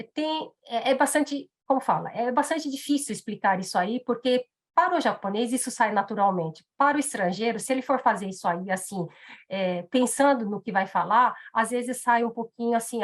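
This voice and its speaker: Woman in her fifties, seminar speaker, chatty with lots of fillers and tag questions. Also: a little high. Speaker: seminar speaker on Japanese business etiquette. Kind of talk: live online seminar talk. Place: in Japan.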